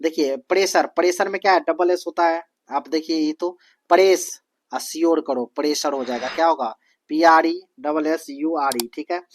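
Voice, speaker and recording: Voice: medium pitch, moderate pace, no room sound. A coaching teacher lecturing on spelling, spelling words out letter by letter, repeating them and asking rhetorical questions. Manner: repetitive, drilling tone.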